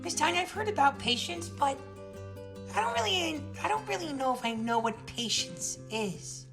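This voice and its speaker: A woman's voice: sits high, expressive, normal speed, a bit bright, faint music behind. A woman playing an eager, impatient childlike sidekick in a children's show, with broad singsong theatrical delivery. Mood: curious.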